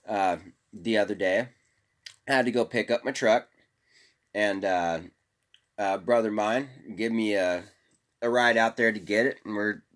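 Rambling, profane podcast host. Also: male voice, mid-range voice. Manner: rambling, profane, laughs often. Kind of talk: casual storytelling monologue.

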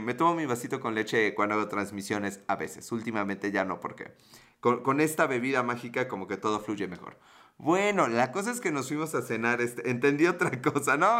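A man's voice: mid-range voice, fairly bright tone. A man in his thirties with a Mexican Spanish accent, hosting a casual livestream, telling a story and joking with viewers' comments in a playful, chatty way. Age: 30s. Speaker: livestream host.

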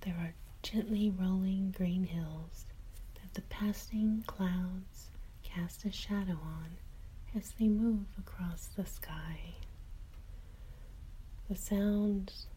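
A woman host whispering a calm, slow sleep story, close to the mic. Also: fairly low pitch, a little hiss or hum, low-quality recording.

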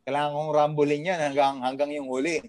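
High-voiced motivational man from the Philippines. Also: flat delivery, brisk, a little mellow, no room sound, studio quality. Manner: motivational, full of fillers and tag questions. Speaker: guest, fitness trainer working abroad. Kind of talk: casual podcast chat.

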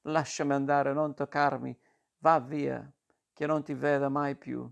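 A man voicing a scornful, defiant older mother with a creaky voice. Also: mid-range voice, little pitch movement, unhurried. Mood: desperate. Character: sharp-tongued proud older mother.

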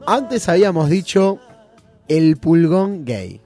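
A man's voice: a little high, very animated, takes it slowly, mellow, soft background music. A man with a Rioplatense Spanish accent hosting a casual radio show, playful and joking with his co-hosts. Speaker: radio host.

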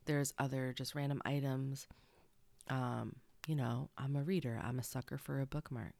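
Low-voiced stuffy woman podcaster. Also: steady tone, normal speed, gravelly, darkish tone, dry recording. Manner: rambling, chatty asides. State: stuffy nose. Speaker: podcast host. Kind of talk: casual solo podcast chat.

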